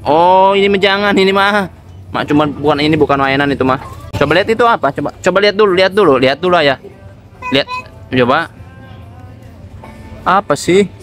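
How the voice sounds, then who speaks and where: A man's voice: on the high side, a little fast, long pauses, fairly bright tone, faint music behind. A young father, coaxing and playful, repeating questions to his small son while filming a casual family vlog on his phone. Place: shop and street outdoors.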